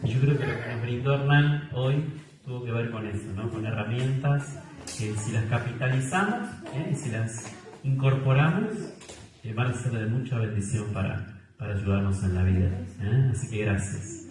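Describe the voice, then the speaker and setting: A man with a Rioplatense Spanish accent, a pastor giving measured closing thanks in church, often adding "¿eh?" and "¿no?". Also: medium pitch, over music. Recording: echoey hall, far from mic, noisy.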